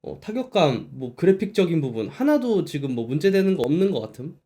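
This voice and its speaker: A man's voice: on the high side, big pitch swings, a little fast, warm tone. A man giving casual, chatty reaction commentary on game footage as a streamer.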